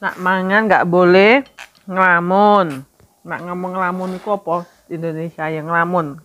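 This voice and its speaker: A woman's voice: on the low side, steady tone, normal speed, fairly bright tone, a little hiss or hum. A woman, chatting casually in a home cooking vlog, teasing and scolding someone to finish eating. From Suriname.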